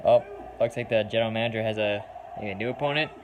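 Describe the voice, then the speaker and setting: A man with a Minnesota accent giving chatty, excitable live reaction commentary, swearing casually as he talks. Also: lowish voice, fast, phone-quality sound, noisy background. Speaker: wrestling reaction host.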